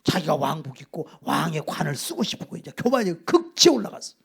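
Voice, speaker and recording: A man's voice: fairly high pitch, very animated, fairly quick, vocal fry, fairly bright tone, husky. A male pastor preaching a sermon, retelling a story with acted voices and emphatic appeals.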